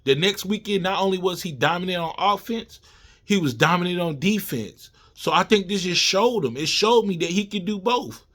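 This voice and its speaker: A man giving casual, animated sports commentary to his viewers, repeating points and talking to them as y'all. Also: high-pitched, normal speed. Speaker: sports vlogger.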